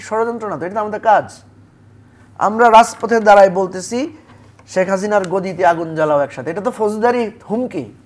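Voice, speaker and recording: A man debating politics as a guest on a television talk show, arguing with rhetorical questions. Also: high voice.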